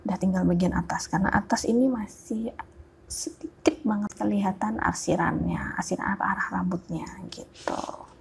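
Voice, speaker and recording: A digital illustration tutor from Java, Indonesia, gives casual, unscripted commentary over a speed-art video in a mid-range voice at a moderate pace. Her thick Javanese Ngapak accent comes with a congested, nasal quality and vocal fry, and there is slight background noise.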